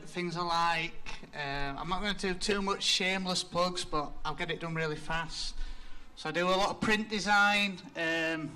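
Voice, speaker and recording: A young Yorkshire man with a high, sharp voice gives a casual, sweary, self-deprecating conference talk about his design work at a community event. A little hiss or hum is audible.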